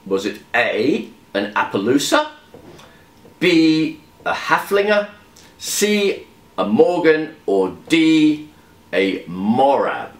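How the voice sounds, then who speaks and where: A man's voice: fairly high pitch, very animated, takes it slowly. A man hosting a quiz, reading out the questions with chatty, wry asides between them. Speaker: quiz host. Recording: echoey room.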